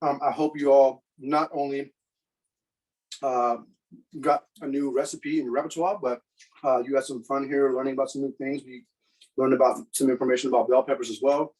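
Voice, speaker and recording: A man's voice: mid-range voice, moderate pace, recorded from a distance, low-quality recording. Man demoing a recipe, a bit off-mic. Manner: relaxed, chatty, with fillers. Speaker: cooking demo presenter. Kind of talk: live cooking demonstration.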